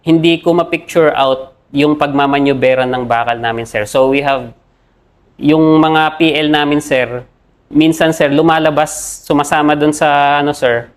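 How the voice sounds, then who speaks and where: A young man from the Philippines, an army officer, tells of his combat experience in an interview. His voice sits a little high for a man. He talks in halting bursts and tucks a respectful "sir" after almost every phrase. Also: fairly even intonation. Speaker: army captain, interview guest.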